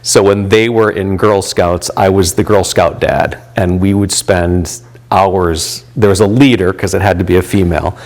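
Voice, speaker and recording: A man's voice: low voice, fairly even intonation, normal speed, darkish tone. A man in his fifties, a volunteer pastor, talking reflectively in an interview with many fillers and restarts. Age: 50s.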